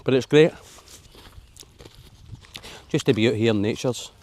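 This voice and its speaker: A man's voice: medium pitch, unhurried, a little mellow. A Scottish man chatting casually to viewers while fishing outdoors in a forest by a loch, laughing often. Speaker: vlogger.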